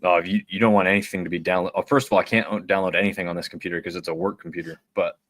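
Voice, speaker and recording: A man co-hosting a casual hockey watch-party podcast, chatty and relaxed, explaining things at length. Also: low voice, racing, no room sound. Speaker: podcast co-host.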